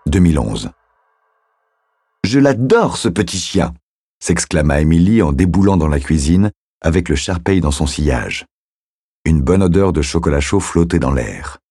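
Very deep, husky male audiobook narrator. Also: no room sound, clean studio sound. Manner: measured, steady storytelling. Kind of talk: scripted narration.

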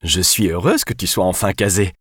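A man's voice: deep voice, moderate pace, fairly bright tone, husky, no room sound, clean studio sound. A male narrator voicing a small, sturdy, gray-haired woman who runs a lab, cheerful and teasing. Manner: jovial, teasing.

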